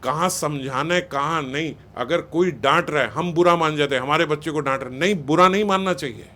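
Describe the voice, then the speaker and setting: A man's voice: a little high, fairly quick, sharp tone. A man giving a spiritual talk on raising children, conversational and scolding, often acting out what parents and teachers say. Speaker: spiritual speaker.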